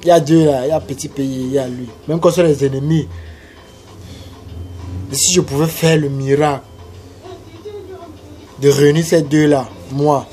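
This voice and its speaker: A man delivering a casual, emphatic advice monologue, repeating his points and jumping up in pitch when he urges his listeners on. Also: steady tone, normal speed, long pauses, mellow, faint music behind. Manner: emphatic and repetitive, preachy. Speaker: vlogger giving love advice.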